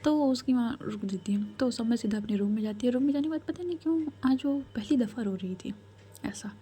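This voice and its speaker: A woman's voice: fairly high pitch, brisk, mellow. A woman storyteller narrating a romance in a chatty, casual way with conversational asides.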